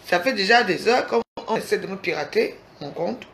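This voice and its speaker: Woman, gravelly voice, mid-pitched, angry livestream rant, confrontational, phone mic. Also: expressive, normal speed, fairly bright tone, a little hiss or hum. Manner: confrontational, repeatedly demanding "you hear?".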